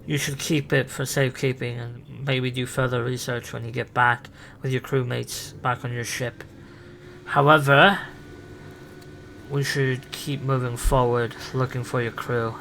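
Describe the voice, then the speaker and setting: A man playing a curious, protective time-travelling alien guide in an improvised sci-fi roleplay, speaking in a halting, theatrical way. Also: medium pitch, level tone, creaky, pushed and bright, a little hiss or hum. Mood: thoughtful, cautioning.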